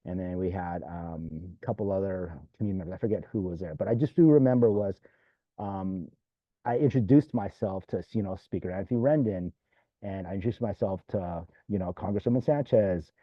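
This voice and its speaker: Male guest, former mayor, low-ish conversational voice, rambling anecdotes, dry phone-quality audio. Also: fairly quick, dry recording. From California. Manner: rambling, peppered with "you know" and "right?". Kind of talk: casual storytelling. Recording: dry tinny phone-like line.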